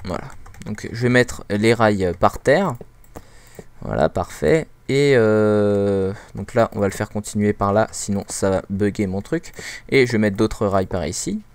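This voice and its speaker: A man giving a casual, hesitant game walkthrough commentary as the host of his own channel, filling pauses with frequent fillers. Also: on the low side, animated, smooth, no echo. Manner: hesitant, full of "euh" fillers; chatty and informal. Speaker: gaming video host.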